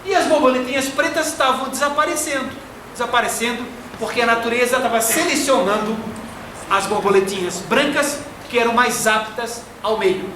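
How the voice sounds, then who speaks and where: A man from Florianópolis with a Brazilian Portuguese accent, giving a slow, didactic spiritist lecture. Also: very high-pitched, sharp tone. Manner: didactic, slow and deliberate, fond of diminutives. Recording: echoey hall from far off, faint noise.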